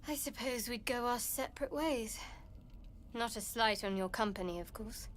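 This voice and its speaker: Woman acting a cool, higher-voiced, guarded adventurer. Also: moderate pace, slight background noise, natural voice. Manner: cool, curt, aloof. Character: guarded, pragmatic, secretive female adventurer. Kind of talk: video game character dialogue.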